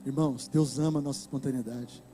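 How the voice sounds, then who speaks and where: A man with a Brazilian Portuguese accent preaching a sermon to a church, impassioned and breaking into shouts. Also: medium pitch, fairly even intonation, fast talker, music in the background. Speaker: pastor. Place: church hall.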